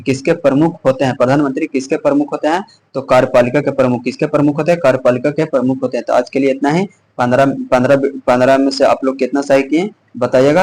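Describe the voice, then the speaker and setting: A male teacher with a hoarse throat running a quiz-style exam revision lesson, repeating each question and answer with frequent restarts. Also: mid-range voice, darkish tone, poor audio.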